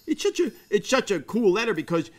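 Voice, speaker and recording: A woman playing a silly, excitable male clown who hosts a children's show, goofy and exaggerated. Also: mid-range voice, fairly quick. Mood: delighted.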